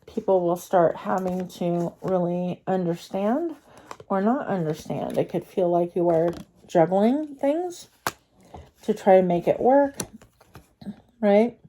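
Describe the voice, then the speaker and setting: Her medium-pitched voice has a dark tone, thickened by a cold, as she chats casually through a tarot reading for viewers. She's a tarot reader who frequently uses fillers and restarts.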